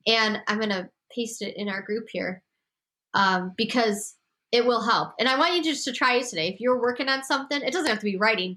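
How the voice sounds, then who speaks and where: A woman's voice: mid-range voice, sharp tone. A woman host with a congested voice giving casual, emphatic writing advice to a group and laughing often. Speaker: podcast host and writing coach.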